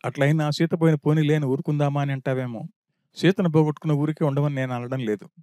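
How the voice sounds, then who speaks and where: A man reading the part of a loyal younger brother speaks in an earnest, exhorting way, pressing for courage and effort. His voice is dark and mellow, recorded dry and close. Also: fairly high pitch, fairly even intonation, fast, no echo, close to an everyday voice.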